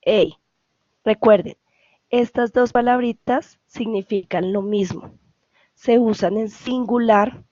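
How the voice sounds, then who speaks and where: A woman's voice: fairly high pitch, fairly even intonation, slow, a little mellow, dry recording, dull audio. A woman with a Colombian Spanish accent, an English tutor patiently explaining grammar over a video call and often checking for questions. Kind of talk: online class explanation.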